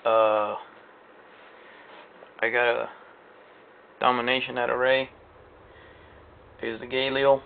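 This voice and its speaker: A young man who just woke up talks loosely over gameplay, with a gravelly, flat, monotone voice. He rambles and swears as he goes. The sound is tinny and phone-like, and a clear hiss sits under it. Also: mid-range voice, takes it slowly, long pauses. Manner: rambling, profane, drowsy. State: just woken up. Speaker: gaming commentator. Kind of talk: casual game commentary. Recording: tinny lo-fi capture with noise.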